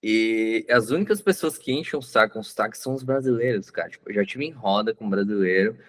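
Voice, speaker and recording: A Brazilian man with a Brazilian Portuguese accent and a lowish voice, talking casually as a guest in an interview. He speaks loosely and with lots of slang, stacking fillers and restarting his sentences as he goes. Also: fairly quick. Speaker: guest author. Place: abroad at home, on a remote call.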